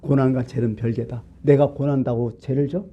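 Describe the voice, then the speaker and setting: A man's voice: mid-range voice, fairly even intonation, moderate pace, lo-fi sound, slight background noise. A male pastor from South Korea preaching a Sunday sermon in a church, conversational and blunt, asking the congregation rhetorical questions. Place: church sanctuary.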